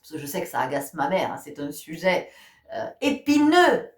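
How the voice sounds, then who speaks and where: A chatty woman vlogging in a relaxed, storytelling way. She often stops to restart her sentences. Her voice sounds distant and carries a roomy echo. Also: low voice, a little fast. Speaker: spiritual guide and vlogger. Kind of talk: casual chat.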